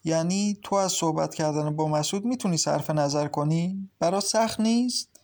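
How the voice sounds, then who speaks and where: A man voicing a cheerful teenage schoolgirl who comforts her sister-in-law in a lively, reassuring way in an audiobook. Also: a little high, lightly acted.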